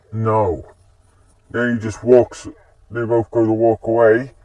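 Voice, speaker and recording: A man's voice: mid-range voice, mellow, no echo, muffled recording. A man casually retelling a fan-made story, rambling with restarts. Recorded on a distant mic.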